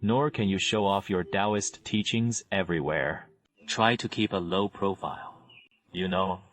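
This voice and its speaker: A grave Taoist master in an anime dub. His deep voice admonishes in a fatherly way. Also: unhurried, a bit bright. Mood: solemn, paternal.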